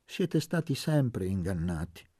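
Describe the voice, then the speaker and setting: A man reading Luca, a forceful peasant leader. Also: deep voice, big pitch swings, slow pace, husky, no room sound, clean studio sound, exaggerated voice. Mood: rousing.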